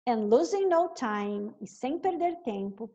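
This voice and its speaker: A woman's voice: a little high, expressive, slow, warm tone, dull audio. A woman from Brazil, explaining an English story line by line in a patient, repetitive teaching manner. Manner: patient, explanatory, repeats phrases. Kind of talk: bilingual story-reading lesson.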